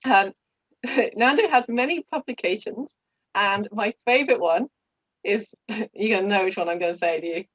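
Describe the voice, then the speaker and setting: A woman's voice: mid-range voice, moderate pace, a bit bright, no echo. A woman in her thirties hosting a casual interview, friendly and giggly, with frequent fillers. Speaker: podcast host. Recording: dull, dry lo-fi audio.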